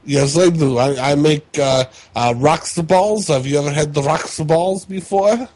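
A man's voice: on the high side, unhurried, darkish tone, no echo. Man putting on a blunt Russian-accented prison fighter. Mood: obliging. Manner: blunt, grandiose, slightly stilted phrasing. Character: boastful, aggrieved middle-aged Ukrainian prisoner, a fighter. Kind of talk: prank phone call character acting.

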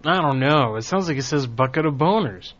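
A man's voice: a little high, animated, a little fast, fairly bright tone, slight background noise. Self-mocking male show host. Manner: self-mocking, laughing, swearing. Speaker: host of a prank-call show. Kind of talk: casual banter. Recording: dull lo-fi audio.

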